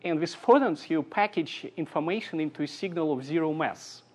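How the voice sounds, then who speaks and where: A man from Siberia, giving an academic engineering lecture in thoughtful, halting phrases with dry humor. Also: on the high side, darkish tone. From Siberia, Russia.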